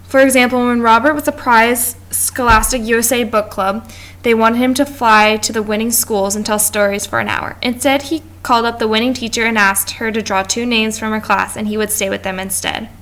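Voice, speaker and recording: A woman's voice: a little high, steady tone, a little fast, fairly bright tone. A woman reading a class presentation aloud from notes, with small stumbles and restarts. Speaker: student presenter.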